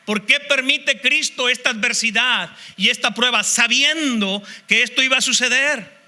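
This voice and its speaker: A man's voice: extremely high pitch, moderate pace, bright, forceful tone. A man preaching a sermon as pastor, passionately posing one rhetorical question after another.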